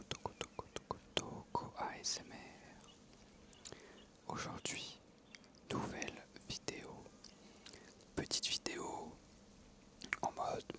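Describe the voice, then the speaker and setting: A French ASMR creator in his twenties tells relaxed stories over gameplay in a soft, unvoiced whisper, pausing a lot and using many fillers.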